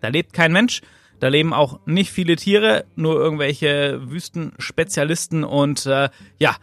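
On his solo podcast, a man talks casually and loosely, dropping in plenty of filler sounds. His voice is fairly high-pitched, unhurried and a bit bright, with no echo.

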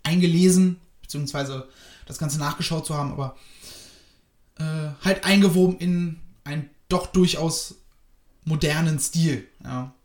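A man talks through a wrestling event in a loose, rambling way, stopping often for filler sounds. His delivery is slow and unhurried. His voice echoes around the room he records in. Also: fairly high pitch, a little mellow. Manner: hesitant, many fillers, rambling. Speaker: wrestling reviewer. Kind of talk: casual spoken review.

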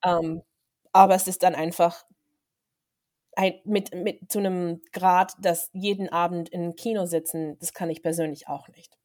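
A woman's voice: fairly low pitch, fairly even intonation, measured pace, a little mellow. A young woman, a film director chatting as a guest on a podcast, thoughtful and hesitant with many fillers. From Switzerland. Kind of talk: casual interview chat.

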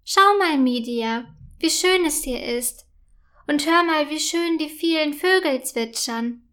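A woman voicing an eager young princess who pleads and gets excited. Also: high voice, takes it slowly, pitched above the performer's own voice, full character voice. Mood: dreamy.

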